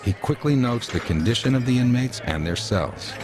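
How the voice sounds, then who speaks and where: An American man reading scripted documentary narration in a measured, serious narrator's delivery. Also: mid-range voice, animated. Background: music.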